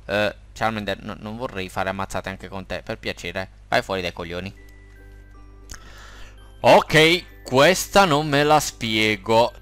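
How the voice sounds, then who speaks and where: A man with an Italian accent doing let's play commentary, excitable, swearing and yelling at the game. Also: on the low side, slow pace, smooth, faint music behind. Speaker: gameplay commentator.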